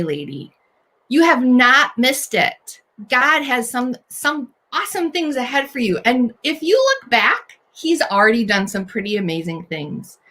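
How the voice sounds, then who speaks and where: A woman with a fairly high voice hosts a faith-based encouragement talk for women. She sounds earnest and warm, and she speaks directly to her listeners. She reassures them, almost as if coaching a friend. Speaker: host.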